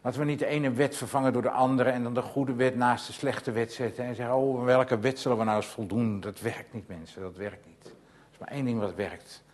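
A male preacher delivering a sermon in a voice of ordinary, mid-range pitch. He leans on rhetorical questions and drives his points home through repetition. His loud stretches are emphatic and insistent. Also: steady tone, a little fast.

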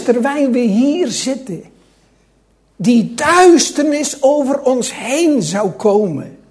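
Male preacher, sermon in church, high voice, very slow, loud-then-hushed dramatic delivery.

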